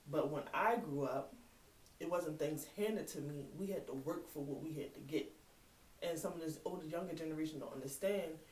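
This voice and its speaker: A woman's voice: sits low, darkish tone. A woman in her thirties talking bluntly and heatedly to her channel, swearing freely. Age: 30s. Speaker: vlogger. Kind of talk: casual monologue. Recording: echoey room, mic at a distance, faint hiss.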